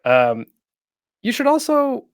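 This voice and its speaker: Very high-pitched and swooping wildly, a man's voice moves at a slow pace as he hosts a casual, conversational tutorial panel, rambling, self-deprecating and prone to jokey, geeky asides. He's close to a pop-screened microphone with no room sound.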